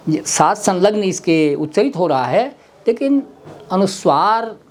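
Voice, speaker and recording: A man giving a Hindi grammar lecture, deliberately repeating sounds and words to demonstrate their pronunciation. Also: on the high side, a little mellow. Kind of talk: slow explanatory webinar lecture. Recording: faint background noise with clicks.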